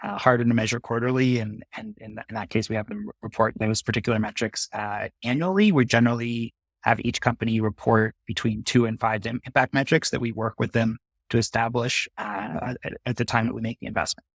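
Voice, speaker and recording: Man calmly explaining in a dry close voice. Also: mid-range voice, fairly quick, creaky, hardly any pauses, no room sound. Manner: explanatory, methodical, with "uh" fillers. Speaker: fund manager guest. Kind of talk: interview conversation.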